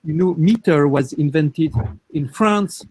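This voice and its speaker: A man's voice: fairly high pitch, slow, darkish tone, breathy edge, low-quality recording. Hesitant man answering on a panel. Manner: hesitant, restarts often, explains with examples.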